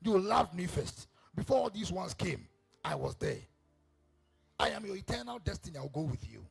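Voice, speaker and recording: Man voicing a devoted first wife, firm and husky, gravelly. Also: high-pitched, sing-song, normal speed, soft background music, exaggerated voice.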